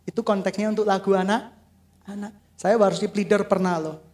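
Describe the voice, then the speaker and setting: A man preaching a sermon as a worship leader, animated and laughing often, swinging between loud outbursts and quiet asides. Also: high voice, moderate pace.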